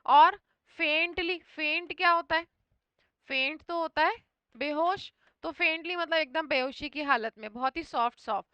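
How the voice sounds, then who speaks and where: A woman with a high-pitched voice teaches English vocabulary for an exam in Hindi, mixing in English words at a normal speed. She frequently says "thik hai" to check her students understand; the audio has no echo but its highs are cut off.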